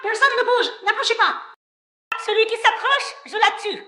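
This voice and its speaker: Unhinged vengeful mother, shrill, cackling, very high and lively. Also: brisk, exaggerated voice. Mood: manic threatening. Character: vengeful middle-aged woman holding a hostage, unhinged. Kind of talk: dubbed drama acting.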